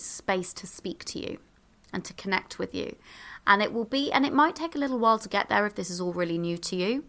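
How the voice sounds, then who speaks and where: A bubbly woman chats as a podcast guest, full of little exclamations and fillers as she hands out advice. Her voice is bright and forward, with a crisp edge, and she speaks into a handheld microphone. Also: mid-range voice. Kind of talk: casual advice in conversation.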